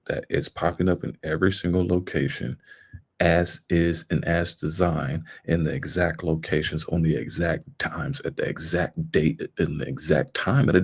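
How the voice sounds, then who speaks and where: A very deep-voiced man delivers casual live commentary. His voice is gravelly and a little husky, and he leans emphatically on repeated phrases in colloquial speech. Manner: emphatic, repetitive, colloquial with mild swearing. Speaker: livestream host commenting on a video.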